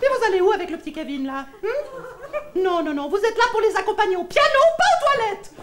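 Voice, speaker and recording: A shrill, catty housewife. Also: expressive, background noise. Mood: chatty. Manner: shrill, catty, melodramatic, fast-switching asides. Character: fussy, gossiping middle-aged Swiss housewife. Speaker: stage comedy character. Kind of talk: one-person stage comedy.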